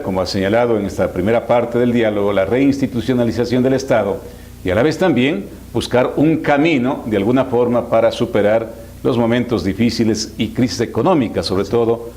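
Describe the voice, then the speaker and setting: A man's voice: mid-range voice, darkish tone. A man with an Ecuadorian accent hosting a formal political interview, speaking in wordy, formal phrases. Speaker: radio interviewer and host.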